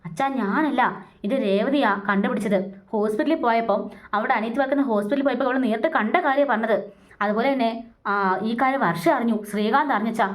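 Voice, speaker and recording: A woman's voice: fairly high pitch, fast talker, close to an everyday voice. A woman voicing an anxious young man who eagerly insists on the family secret he has heard. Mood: insistent.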